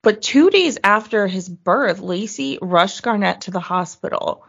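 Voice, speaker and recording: A young woman telling a true crime story to a friend on a podcast, her voice carrying a gravelly fry. She chats loosely, swears now and then and pitches up to quote people. The sound is a little dull and lo-fi. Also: expressive, measured pace, a bit bright. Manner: chatty, swears casually, acts out quotes in a higher voice. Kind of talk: casual storytelling chat.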